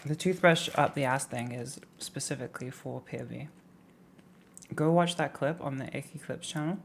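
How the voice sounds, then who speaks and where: Her voice is rumbling low and creaky, at a normal speed: a young English woman chatting casually on a stream. She rambles, leaning heavily on "like" and "um," and drifts into playful rants. Slight background noise is present.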